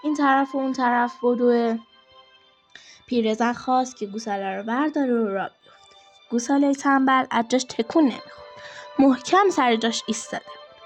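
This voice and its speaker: A woman's voice: a little high, soft background music. A woman narrating a folk tale for children in a rhythmic, storytelling way. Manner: slow, rhythmic rhyming storytelling.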